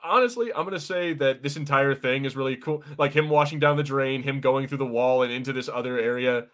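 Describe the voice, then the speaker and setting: This podcast co-host speaks at a medium pitch and a little fast. He offers casual watch-party commentary, chatty and full of slang, with some swearing.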